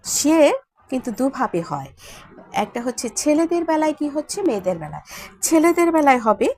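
A woman's voice: high-pitched, very animated, moderate pace, mellow. A woman with a Bengali accent teaching a Sanskrit lesson at a board, spelling words out letter by letter and asking her students checking questions. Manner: asks the class checking questions. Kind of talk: classroom lesson at a whiteboard.

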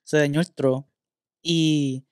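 A man's voice: fairly high pitch, fairly even intonation, takes it slowly, smooth, dry recording, studio quality. Man telling a candid story. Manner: candid storytelling, mixes in English words. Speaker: podcast host.

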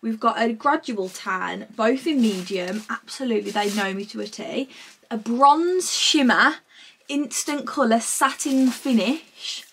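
A British woman in her twenties vlogs at home in a small indoor room, chatting casually to camera in a gushing, informal style. Her voice is a little high and a little slow, with a fairly bright tone and a little hiss or hum.

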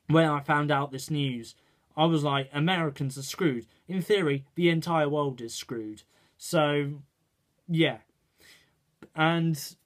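A man ranting his opinions to camera in a rambling way, checking in with "right" and "okay". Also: a little high. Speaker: vlogger. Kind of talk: casual opinion rant to camera.

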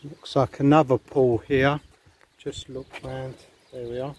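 His voice sits at medium pitch with little movement, a little mellow and measured in pace. He's a vlogger rambling chattily to viewers as he walks a beach past hotels, filmed on a handheld camera outdoors amid faint outdoor noise.

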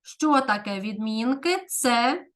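A woman teacher giving a grammar lesson to fourth graders, dictating slowly and enunciating each word clearly. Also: on the high side, animated, fairly bright tone. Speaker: primary school teacher.

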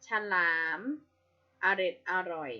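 A woman teacher giving a reading lesson to young pupils, patiently spelling out each sound. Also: slow. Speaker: primary school teacher. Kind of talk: slow, clear classroom reading lesson. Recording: slightly dull lo-fi audio.

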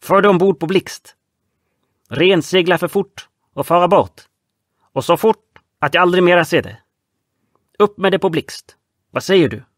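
A man voicing an excited foreign sailor who speaks in clipped, broken phrases in an audiobook. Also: sits high, pauses often, dry recording, clean studio sound, voice pushed up. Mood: agitated.

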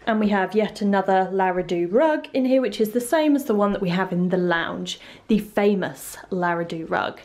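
A young woman chatting her way through a home tour, playful and lively, her voice jumping up in pitch now and then. She holds the camera herself as she walks through small, bright rooms. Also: normal speed. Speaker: lifestyle vlogger giving a home tour. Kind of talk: casual home tour vlog. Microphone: handheld camera filming herself as she walks.

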